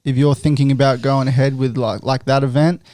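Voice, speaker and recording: A young man hosting a laid-back podcast, his voice smooth and resonant at an ordinary middle pitch. He rambles along with plenty of fillers, and the recording sounds close and dry. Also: little pitch movement, brisk, mellow, dry recording. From Australia. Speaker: podcast host. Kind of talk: casual chat.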